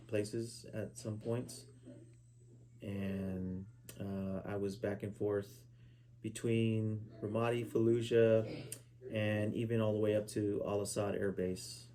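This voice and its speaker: A man in his forties from Southern California, a veteran answering oral history questions at a relative's house, halting with many fillers and restarts. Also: on the low side, mellow, slight background noise. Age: 40s. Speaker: interviewee, Army veteran. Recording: poor quality home recording.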